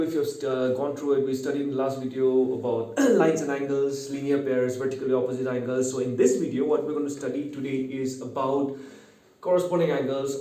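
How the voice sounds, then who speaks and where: A man's voice: mid-range voice, warm tone. A man with a Naga accent from Northeast India teaches an informal maths lesson, conversational, repeating key words and checking in with short tag questions. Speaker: online mathematics teacher. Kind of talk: informal video lesson mixing English and local speech. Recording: echoey room, distant microphone.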